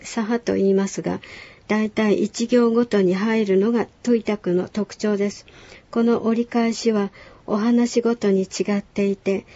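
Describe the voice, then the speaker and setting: A woman teaching a radio language lesson, calmly explaining words and stories. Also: mid-range voice, no echo, lo-fi sound. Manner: calm explanatory lecturing. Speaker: language instructor.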